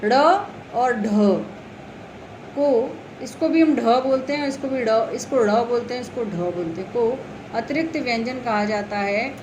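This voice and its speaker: A woman teacher talks young pupils through a grammar lesson in a slow, patient way. Her voice sits a little high, and she repeats each letter and example word with care. Faint background noise runs under the recording. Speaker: primary school teacher. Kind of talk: explaining Hindi grammar to young children.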